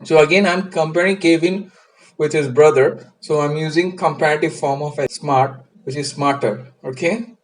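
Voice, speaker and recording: A man's voice: a little high, moderate pace, a little hiss or hum, poor audio. A man teaching an English grammar lesson, explaining patiently and checking in with "right?" as he goes. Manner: patient, repeats "right?" and "crystal clear".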